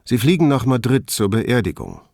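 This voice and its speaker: A man's voice: medium pitch, wildly swooping pitch, normal speed, gravelly, a little mellow, dry recording, studio quality, full character voice. A man voicing a middle-aged male police commissioner who asks careful, concerned questions.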